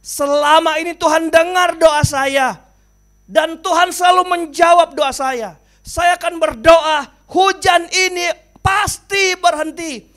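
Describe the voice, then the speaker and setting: Stubborn devout old villager, shouting and drawn-out, as a preacher voices him in a sermon story. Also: male voice, very high voice, pitched above the performer's own voice. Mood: insistent. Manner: shouting insistently, slow and emphatic.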